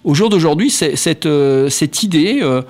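A man's voice: fairly high pitch, expressive, a little slow, a little mellow. A man hosting a community radio talk show, talking hesitantly with many fillers and restarts. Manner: chuckles at his own anecdotes. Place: radio studio.

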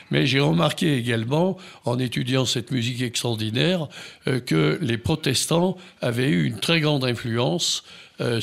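A male radio host with a very gravelly, creaky voice, talking through a music programme in an unhurried, hesitant way with plenty of pauses and fillers. His pitch sits mid-range. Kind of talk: radio music talk show.

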